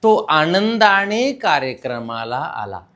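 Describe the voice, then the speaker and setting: Lively, slow-talking Marathi-accented teacher. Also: male voice, on the high side. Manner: mixes in English words, asks the class questions. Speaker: English teacher. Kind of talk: classroom lesson.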